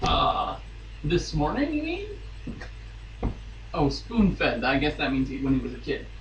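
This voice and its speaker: With huge pitch swings and a measured pace, this fairly high male voice delivers a theatrical, dramatic reading of a romance novel. He's a guest reader on a podcast who drops into amused asides. The sound is roomy, from a distant mic, with faint noise.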